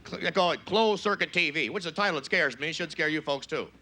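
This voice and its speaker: A man doing a stand-up comedy routine, jumping into loud high-pitched voices when he quotes people. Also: quick pace. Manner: shouts high falsetto quotes of other people.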